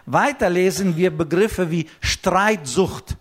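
A man preaching a sermon in a conversational way, often adding quick tag questions and letting his voice sink to a low murmur at the ends of phrases. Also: slightly rough.

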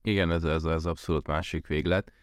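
A man's voice: extremely low pitch, fairly even intonation, no room sound, clean studio sound. A man from Hungary talking casually as an interview guest, often rephrasing and circling back mid-sentence. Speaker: podcast guest, tech worker who moved abroad.

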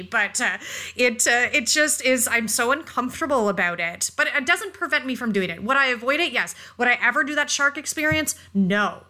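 A woman co-hosting a podcast, telling stories in casual chat with an animated, self-deprecating manner. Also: a little high. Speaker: podcast co-host.

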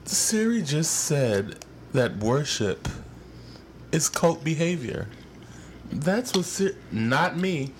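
A man co-hosting a podcast in playful comedic chat. His voice swings widely in pitch, and he talks at a relaxed pace over a faint hiss. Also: slow pace. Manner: playful, animated, jumps into high exclamations. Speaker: podcast co-host.

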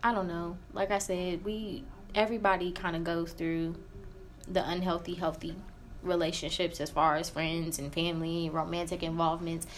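A woman's voice: on the low side, little pitch movement, moderate pace, slight background noise. A woman co-hosting a podcast in casual chat, talking in a candid, colloquial and emphatic way. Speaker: podcast co-host. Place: room in a library.

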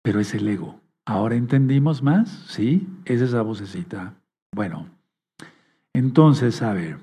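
A man's voice: mid-range voice, expressive, normal speed, dark tone, breathy edge. A man preaching a sermon to his channel, speaking to listeners as brothers and sisters and acting out an inner voice.

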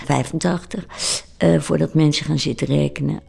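A woman in her eighties, an activist, slowly reminiscing in an interview with searching pauses. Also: sits low, steady tone, gravelly, dark tone, husky, faint music behind. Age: 80s.

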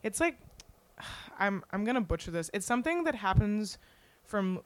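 A woman's voice: medium pitch, very animated, normal speed. A young woman in casual conversation, speaking in a candid, rambling, self-deprecating way. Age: young adult. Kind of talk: casual chat.

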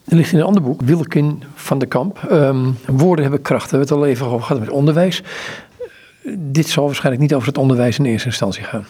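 Fast-talking husky male interviewer. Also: mid-range voice, mellow. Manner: brisk, prompting questions. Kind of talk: conversational interview.

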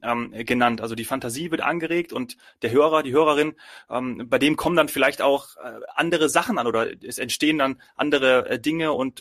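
A man's voice: mid-range voice, a bit bright, dry recording, studio quality. A man hosting a podcast, asking guests questions and rephrasing them loosely as he goes. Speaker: podcast host. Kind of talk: casual interview questions.

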